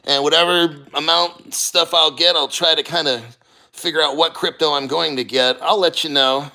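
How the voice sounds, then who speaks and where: A middle-aged man hosting a casual livestream, chatting in a rambling, halting, sweary way and reading out comments. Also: a little high, steady tone, vocal fry, bright, forceful tone, rough recording. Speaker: crypto livestream host.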